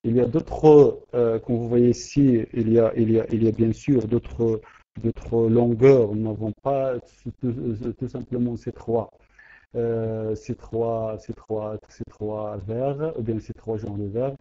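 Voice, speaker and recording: Man, teacher, slow, halting, repeats himself, muffled recording. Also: mid-range voice, fairly even intonation, dark tone. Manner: hesitant, repeats words and fills with euh. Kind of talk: online lesson. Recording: dull lo-fi audio.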